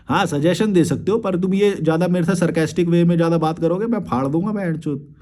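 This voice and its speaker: A man's voice: sits high, moderate pace, warm tone. A young man, a YouTube creator, replying to viewer comments in a blunt, crude and combative rant with frequent swearing.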